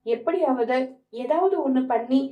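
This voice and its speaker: A woman's voice: high voice, measured pace, echoey room, lo-fi sound. A woman reading the lines of an older mother who begs tearfully for her daughter's marriage to be saved. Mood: pleading. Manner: pleading, tearful.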